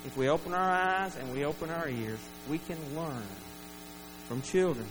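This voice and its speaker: Male pastor, earnest sermon delivery, fairly high voice, long church reverb and low hum behind. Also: lively intonation, normal speed. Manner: earnest, acts out quoted lines. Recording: reverberant hall with mains hum.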